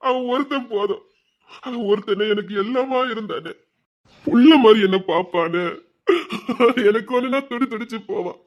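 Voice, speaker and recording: A man's voice: high voice, normal speed, long pauses, fairly bright tone. An actor playing a devoted young man grieving for his brother, his voice choked and tearful. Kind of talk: emotional TV serial acting.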